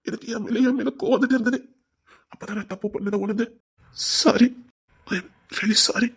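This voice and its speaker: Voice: medium pitch, steady tone, normal speed, breathy edge. A performer playing a remorseful, short-tempered husband in an audio drama, apologetic and pleading, with a Tirunelveli Tamil accent. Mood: tender.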